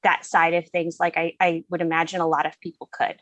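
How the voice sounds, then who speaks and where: A woman guest in a casual podcast interview, an animated storyteller who often restarts her phrases. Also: fairly low pitch, brisk, no room sound. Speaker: spirits company founder, guest.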